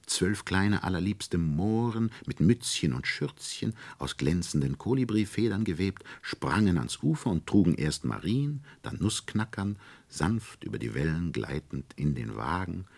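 A man narrating a fairy tale audiobook with expressive, lilting storytelling and dramatic slowdowns. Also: low voice, creaky.

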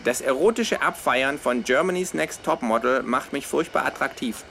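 A man voicing a cheeky, freeloading male kangaroo with dry, deadpan wisecracks in a comic audiobook reading. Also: medium pitch, moderate pace, vocal fry, slight background noise, voice pushed up. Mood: deadpan smug.

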